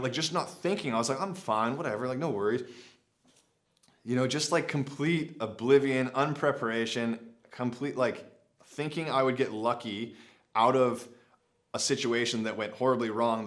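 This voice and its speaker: Speaking at a moderate pace in a mid-range voice, this young man vlogs about his adventures. His storytelling to camera is casual and animated, crowded with filler words like "like," and he performs what he said back then.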